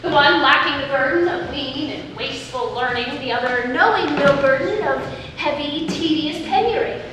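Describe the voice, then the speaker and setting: A woman's voice: high-pitched, moderate pace, a bit bright. A woman on stage playing a witty, teasing young heroine disguised as a youth, declaiming playfully in Shakespearean style. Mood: quick-witted, playful. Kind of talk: live Shakespeare stage acting. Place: stage performance, recorded from afar. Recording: distant, echoey stage recording with faint noise.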